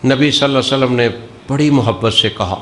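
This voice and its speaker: A man preaching an impassioned storytelling sermon with a Punjabi accent, moving between hushed narration and loud, drawn-out lines. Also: medium pitch, slight background noise.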